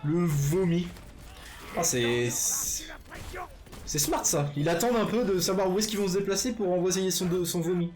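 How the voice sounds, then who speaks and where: A man's voice: sits high, darkish tone, faint music behind. A man casting a live esports match, chatty and loose, filling gaps with fillers and fixing his own slips as he goes. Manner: chatty, full of fillers and quick self-corrections. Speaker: esports caster. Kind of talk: live game commentary.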